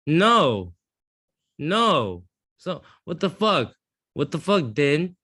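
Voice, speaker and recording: A man's voice: a little high, expressive, measured pace, fairly bright tone, no echo, studio quality. A man teaching a live trading class, blunt and profane, often restarting his sentences. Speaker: trading instructor.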